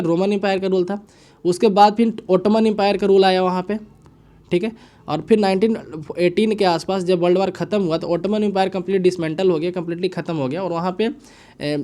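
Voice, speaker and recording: A man with a high but mellow voice walks through the day's news like a teacher at a whiteboard. He talks casually and repeats himself, tossing in little checks to his listeners, and he slows down to read English phrases haltingly. He comes across as an explainer, not a presenter. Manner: casual, repetitive, frequent "है ना" and "ठीक है" checks; mixes English phrases into Hindi, reads headlines haltingly. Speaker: current affairs teacher. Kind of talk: explaining news analysis to students.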